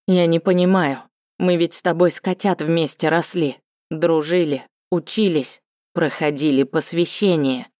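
Woman reader as captive cat-folk queen mother, pitched up, anguished and fierce, dry close read. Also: steady tone, measured pace, a little mellow, no room sound. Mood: distraught.

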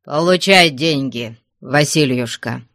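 A man reading aloud, voicing a domineering old merchant who scolds and shouts, in a storybook reading. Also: a little high, slow, no echo, clean studio sound, exaggerated voice. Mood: coaxing.

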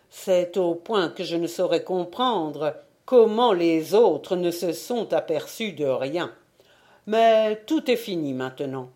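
A woman's voice: lowish voice, warm tone. A woman voicing a frightened man, a church sacristan, who pleads and raises his voice in a storybook reading.

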